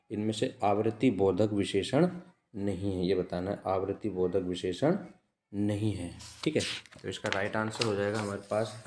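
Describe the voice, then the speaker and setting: A man teaching as an exam-prep tutor, reading out test questions, then repeating each answer in a measured way. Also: on the low side, warm tone, roomy sound. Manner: measured, repeats answers with frequent "ठीक है" checks.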